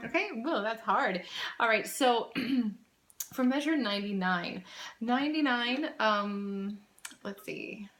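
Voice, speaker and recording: A woman's voice: fairly high pitch, lively intonation, takes it slowly. A woman teaching a viola part, patiently explaining fingerings and singing out rhythms. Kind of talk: casual music lesson. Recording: echoey room with violin.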